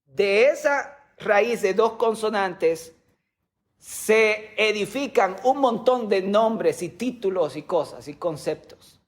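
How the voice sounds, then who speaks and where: A man's voice: high voice, expressive, slow pace. A man preaching a sermon as a pastor, teaching with rhetorical questions and sometimes repeating words as he goes.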